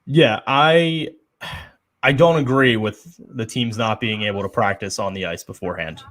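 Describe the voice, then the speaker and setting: A man's voice: lowish voice, normal speed, fairly bright tone. A young man co-hosting a casual sports chat show, rambling and opinionated with lots of fillers. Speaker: podcast co-host.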